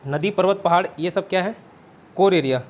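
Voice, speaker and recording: A high-voiced man from India, speaking with a Chhattisgarh Hindi accent, gives a chatty exam-prep geography lesson at a fairly quick pace. He keeps checking on his students, says "theek hai" often, and quizzes them using mnemonics. The recording sounds muffled.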